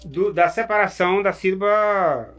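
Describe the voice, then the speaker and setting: A man explaining cordel verse forms in casual chat, patient and halting, with many restarts. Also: high-pitched, a bit bright, soft background music.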